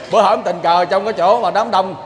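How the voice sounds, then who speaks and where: There's a little hiss or hum behind this high-voiced man, who preaches a folksy, storytelling sermon with a Southern Vietnamese accent. As a lay preacher, he keeps asking the listeners "see?"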